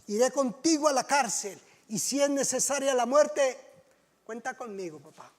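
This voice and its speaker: A preacher acting out a brash, boastful disciple. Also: male voice, very high voice, normal speed. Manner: brash, then defensive and swearing. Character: impulsive boastful male disciple, adult.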